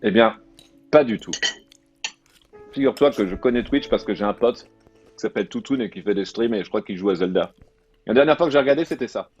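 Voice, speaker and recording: Deep-voiced man chatting on a dull-sounding call. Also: a little fast, pauses often, darkish tone, faint music behind. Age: 30s. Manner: rambling, joking, informal. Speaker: interview guest, advertising director. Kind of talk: casual remote interview chat. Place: at home on a video call. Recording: slightly dull, lo-fi call audio.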